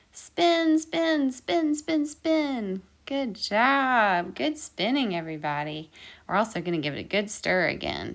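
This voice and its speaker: A woman with a high, gravelly voice hosts an interactive baking storytime for children. She encourages her young listeners with sing-song, repeated instructions, weaving counting and singing into the lesson.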